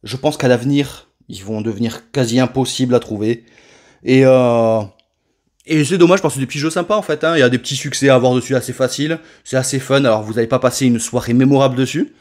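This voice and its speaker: In a fast, mid-range, slightly mellow voice, a channel host casually displays his latest retro video game finds. The vlog is loose and chatty, full of fillers, restarts, and self-corrections.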